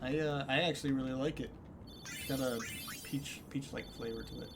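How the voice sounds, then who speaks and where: A man's voice: medium pitch, steady tone, a little fast, background noise. A young man casually commenting on a video game stream, joking and teasing his co-host. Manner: joking, laughing often, teasing. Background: game music.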